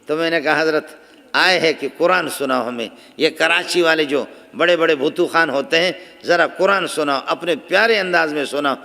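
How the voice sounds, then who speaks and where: A man delivers a storytelling sermon, his high voice rising for emphasis and dropping for asides. His voice rings out with a long reverb, as if recorded in a large conference hall. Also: creaky. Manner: storytelling, impassioned, shifting between soft asides and raised emphasis. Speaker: religious speaker.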